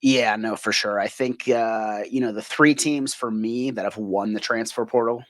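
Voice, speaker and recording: A man's voice: on the low side, fairly even intonation, moderate pace, no echo. A man co-hosting a podcast in casual conversation, talking in long stretches and often tagging his points with a questioning "right?". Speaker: podcast co-host. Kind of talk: casual sports podcast chat.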